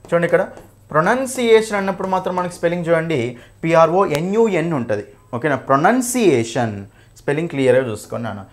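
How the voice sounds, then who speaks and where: This is an exam revision lesson where a young man, his voice fairly high and his accent Telugu, reviews English grammar. He walks through every answer option carefully and reads the example sentences slowly. He also calls the students "nanna" and checks with "okay?" and "right?" again and again.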